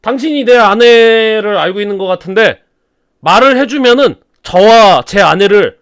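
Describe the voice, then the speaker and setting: A man's voice: sits high, animated, moderate pace, fairly bright tone, clean tone. A man voicing a broken, apologetic male peasant who speaks in a rustic, whining country manner. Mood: pleading.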